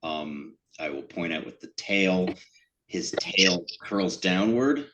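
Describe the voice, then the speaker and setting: A man's voice: low voice, animated, slow, background noise. A middle-aged man with a New England accent, presenting his sculptures in a casual, rambling talk with a lot of fillers and self-deprecating asides. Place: event room.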